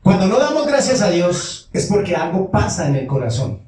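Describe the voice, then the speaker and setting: A male pastor delivers a call-and-response sermon in a high voice. He keeps asking the congregation short questions and answers them himself. He sounds distant from the microphone, and the church around him rings with heavy echo and faint room noise. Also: very animated, normal speed, a little mellow. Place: church sanctuary. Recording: echoey church hall from far off.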